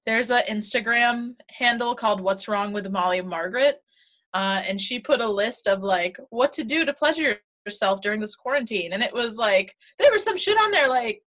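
A woman's voice: fairly high pitch, a bit bright. A woman co-hosting a casual talk show, laughing often and swearing freely as she tells stories. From United States. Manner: laughs often, swears casually, acts out her own past remarks. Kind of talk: casual chat.

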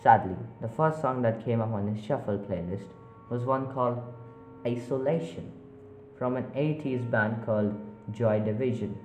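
A man narrating a spooky story in a measured, unhurried way with small slips. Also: mid-range voice, a little mellow, a little hiss or hum. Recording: roomy echo.

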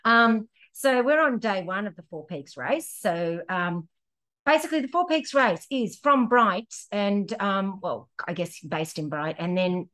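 A woman's voice: mid-range voice, animated, measured pace, fairly bright tone. Chatty upbeat Australian woman host. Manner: chatty and upbeat, laughs easily, many fillers. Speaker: podcast host and running coach. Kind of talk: casual podcast chat. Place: indoors in a cabin.

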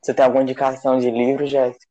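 A man's voice: medium pitch, completely flat delivery, rapid-fire, dark tone, dull audio. A man hosting a casual podcast chat, teasing and prodding his co-host.

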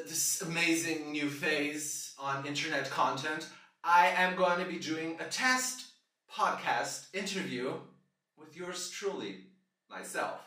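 A man's voice: fairly high pitch, pushed and bright. A man in his thirties from Brazil, hosting a casual podcast monologue in a loose, rambling, self-mocking way. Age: 30s. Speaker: podcast host. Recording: echoey room, distant mic, music behind.

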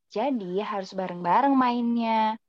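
A woman voicing a mother who gently scolds and coaxes her daughter, in a children's cartoon drama. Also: on the high side, measured pace, no echo, close to an everyday voice. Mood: coaxing. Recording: dull lo-fi dry recording.

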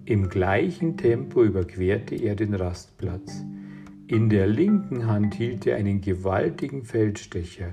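A man reading a children's adventure audiobook in a measured storytelling manner. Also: on the low side, animated, gravelly. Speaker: audiobook reader. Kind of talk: scripted narration. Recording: reading over guitar music.

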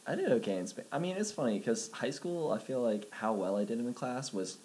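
A man's voice: mid-range voice, lively intonation, fairly quick, a little mellow. A young man as a podcast guest in casual chat, laughing often and saying "like" a lot.

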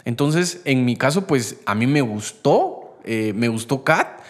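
Young man, lively faith-based podcast talk. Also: medium pitch, slow. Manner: animated, acts out quoted voices.

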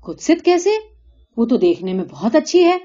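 A woman's voice: a little high, sing-song, mellow. A woman reading as a patient, reasoning mother. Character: kindly middle-aged mother, gently reasoning. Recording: dull lo-fi recording.

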